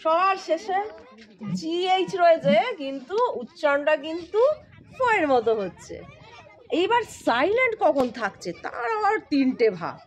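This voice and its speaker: Lady teaching english sounds, high voice, spells stuff out letter by letter. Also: sing-song, a little slow. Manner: explanatory, addresses students informally, spells out letters. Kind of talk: spoken English lesson.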